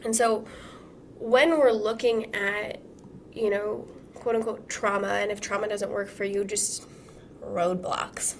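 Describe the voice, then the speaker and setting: A hoarse woman who is sick, teaching a live-streamed trauma-healing masterclass in a casual, swearing, animated way full of rhetorical questions. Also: mid-range voice, takes it slowly, a little hiss or hum.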